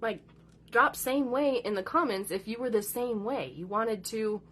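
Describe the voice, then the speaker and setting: Her voice is on the high side, a bit bright, at normal speed. She's a content creator in her thirties with four kids, rambling chattily in casual conversation about them and frequently performing their lines.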